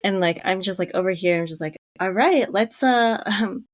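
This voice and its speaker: In clean, studio-quality audio with no echo, a young Connecticut woman co-hosting a book club podcast chats casually, laughing easily and filling her speech with "like." English is her third language, and she speaks at a moderate pace with medium pitch.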